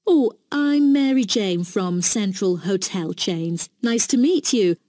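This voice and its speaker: A woman's voice: medium pitch, animated, slow, mellow, dry recording, studio quality. A woman playing a polite, businesslike hotel customer in a scripted listening-test dialogue.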